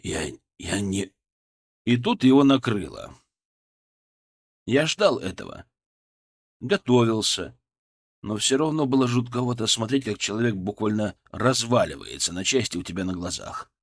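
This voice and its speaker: A man's voice: medium pitch, sing-song, moderate pace, long pauses. Man narrating a tense audiobook. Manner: dramatic, tense storytelling. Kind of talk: first-person scripted narration.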